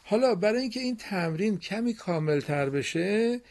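A man teaching a broadcast reading lesson to children, explaining slowly and patiently and praising his pupils often. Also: high-pitched, animated, a little mellow.

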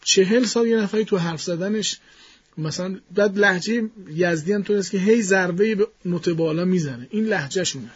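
A man being interviewed as a voice expert in a studio, explaining his views in a measured way and thinking aloud as he goes. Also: high-pitched, breathy edge, dull audio. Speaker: guest voice expert.

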